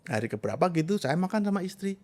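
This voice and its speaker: A fast-talking middle-aged man with a high-pitched voice is the guest in a conversational interview. As a self-transformation coach, he tells his personal stories expressively and animatedly, punctuating them with emphatic lists.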